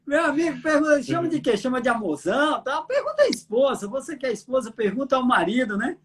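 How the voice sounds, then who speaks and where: Animated Brazilian man telling stories. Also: extremely high pitch, brisk. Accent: Brazilian Portuguese. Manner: lively storytelling, acts out dialogue, laughs. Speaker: leadership trainer, army colonel. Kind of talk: interview answers.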